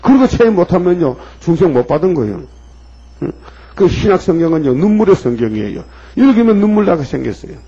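A man's voice: on the high side, sing-song, quick pace, warm tone, breathy edge. A man preaching a sermon in an emphatic way, firing pointed questions at his listeners. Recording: dull lo-fi recording.

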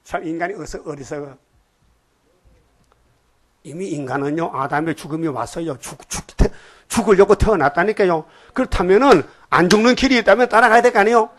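Male preacher, slightly high voice, emphatic sermon delivery that keeps prodding the listeners. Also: brisk, a bit bright. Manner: emphatic, prodding the congregation with repeated "eh?".

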